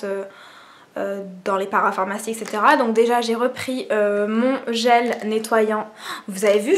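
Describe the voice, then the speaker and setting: Young woman, from France, chatty home vlog, slightly high voice, rambling with fillers, self-mocking, camera on cushions. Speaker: beauty vlogger. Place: at home indoors. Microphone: camera propped on cushions.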